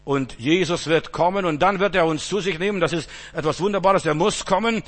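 A man preaching a sermon, with emphatic, repetitive phrasing that swings between loud declarations and quiet, low passages. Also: a little fast.

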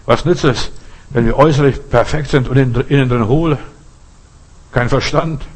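A man's voice: normal speed, poor audio. A man preaching a sermon, asking rhetorical questions and repeating phrases for emphasis. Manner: acts out quoted voices with sudden pitch jumps.

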